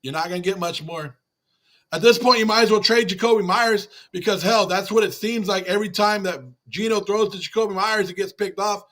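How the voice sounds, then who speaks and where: A man's voice: high voice, steady tone, brisk, hardly any pauses, fairly bright tone. A man hosting a livestream after a game, talking emotionally and repetitively as he reads and answers chat comments. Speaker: fan channel host on a livestream. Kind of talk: livestream postgame rant.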